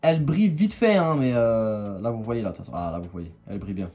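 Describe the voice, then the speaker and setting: Chatty young man, slangy and excited. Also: fairly low pitch, brisk, dull audio. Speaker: YouTuber. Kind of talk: casual show-and-tell. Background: faint background music.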